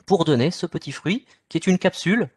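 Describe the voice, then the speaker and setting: A man's voice: high-pitched, expressive, fairly quick, husky, no echo, clean studio sound. A man with a French accent giving an informal online nature lecture from home, chatty, with many fillers and restarts as he talks through his slides. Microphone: computer mic at home.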